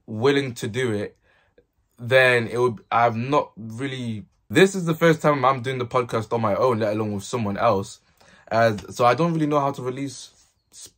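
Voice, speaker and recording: A young man speaks at a medium pitch. He chats casually to camera in urban roadman slang, talking into a handheld earphone mic in a small bedroom. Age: young adult. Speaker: vlogger. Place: small plain bedroom, indoors. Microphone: handheld earphone-wire mic.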